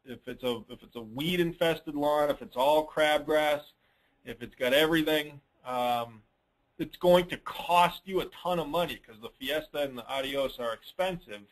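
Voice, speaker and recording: Hosting a dealer call, a lawn care business coach speaks at normal speed in a slightly high voice, captured in a rough recording. He fields questions informally, advising in plain language and driving points home emphatically.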